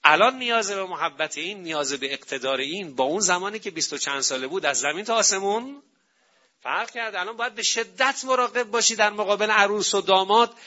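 A man giving an animated public talk on parenting and family, telling stories and acting out what people say. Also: high-pitched. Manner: animated storytelling, acting out quotes. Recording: dull lo-fi recording.

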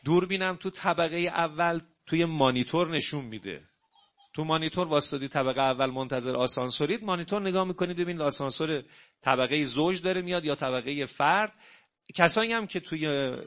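A man preaching a sermon. He recites verses slowly, explains them in everyday speech, and tells stories that swing between hushed and loud. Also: fairly high pitch. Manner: storytelling with dramatic shifts between soft and loud.

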